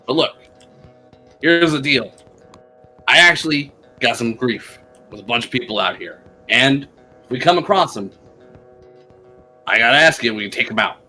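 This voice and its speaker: A man's voice: mid-range voice, lively intonation, normal speed, pauses often, sharp tone, faint music behind. A man playing a swaggering warlord biker. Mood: pushy. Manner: swaggering, folksy and pushy. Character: brash scheming male warlord on a hellish motorbike. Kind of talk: tabletop game role-play. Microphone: streaming microphone.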